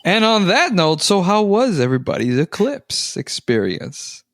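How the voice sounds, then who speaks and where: A man's voice: sits high, very animated, unhurried, fairly bright tone, dry recording. Jokey man co-hosting a podcast. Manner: jokey, laughing often. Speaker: podcast co-host. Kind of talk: casual chat.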